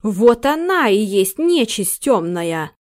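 A woman voicing a superstitious male butler, a former captain, hoarse and indignant in an audiobook. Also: expressive, moderate pace, a little mellow, lightly acted. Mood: fierce. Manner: indignant, raised pitch.

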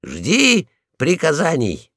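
A man voicing a pompous, bossy male guard dog in a storybook reading, loud and commanding. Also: on the high side, huge pitch swings, takes it slowly, dry recording, clean studio sound, voice pushed up, heavily acted.

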